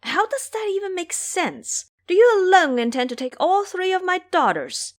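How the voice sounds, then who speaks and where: A woman voices a matronly mother-in-law in an audio drama, shrewd and bustling as she issues fussy commands. Her pitch is very lively and varied, her pace moderate, and her mood fussy and scheming.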